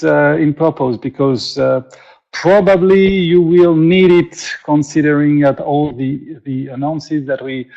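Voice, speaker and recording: A man's voice: on the high side, creaky, a little mellow, muffled recording. A French man hosting a live webinar as a company vice president, speaking English with a French accent and then translating himself into French, upbeat and full of fillers and restarts.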